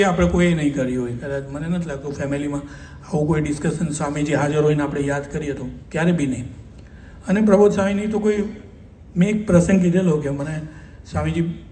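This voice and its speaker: A man's voice: fairly high pitch, warm tone, far from the mic. A man with a Gujarati accent, a doctor giving a devotional talk at a Sunday assembly, telling a memory in a conversational way and quoting others. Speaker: doctor recounting a spiritual memory. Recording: echoey hall, voice from afar, faint hum.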